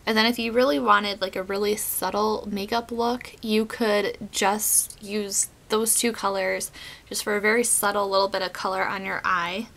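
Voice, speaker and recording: A young beauty vlogger, close to her webcam in a small bedroom, describes her makeup routine casually, filling gaps with "um" and "like". Her mid-range voice is gravelly and worn from a cold, cutting in and out, but the tone comes across bright and a little edgy.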